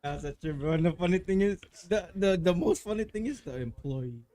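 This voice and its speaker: A man's voice: high-pitched, animated, fairly quick, warm tone. A man co-hosting a podcast, telling a story in slangy, laughing casual chat. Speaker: podcast co-host.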